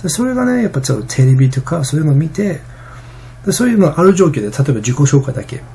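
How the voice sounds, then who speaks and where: Fast, gravelly, husky-voiced man. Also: fairly high pitch, big pitch swings, dark tone, slight background noise. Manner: rambling, many fillers and restarts. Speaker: vlogger. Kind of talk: casual vlog monologue.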